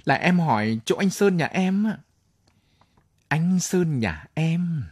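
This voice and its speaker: A man voicing a shy, gentle young village wife who speaks softly and politely. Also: a little high, animated, unhurried. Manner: soft, bashful, polite.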